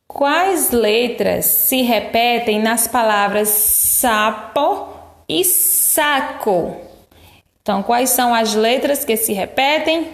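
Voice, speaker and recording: A woman's voice: fairly high pitch, creaky. A woman teacher, patiently explaining a workbook to young children and stretching out syllables to model the sounds. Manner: drawn-out syllables to model sounds, affectionate diminutives.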